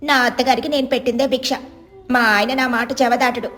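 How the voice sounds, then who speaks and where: A woman's voice: fairly high pitch, fairly even intonation, a little fast, a bit bright, soft background music, lightly acted. A woman voicing a bossy, sly village neighbor woman giving scheming advice.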